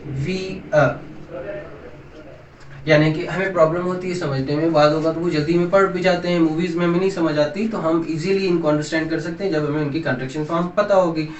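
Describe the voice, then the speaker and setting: A man explains English grammar in a steady lesson style, going over each example patiently and adding polite little asides. His voice sits a touch high. The recording picks him up from a distance in a reverberant room, with a faint hiss underneath. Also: a little fast, lo-fi sound. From Pakistan. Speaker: English teacher.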